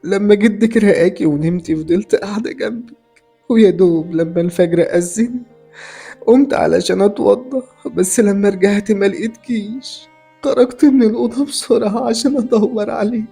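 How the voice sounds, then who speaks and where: A high, strained, pleading mother on the edge of tears, as a male storyteller puts her on. Her voice races and wavers with fear, with a dark, breathy tone. It belongs to a spoken horror tale. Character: frightened tearful middle-aged mother.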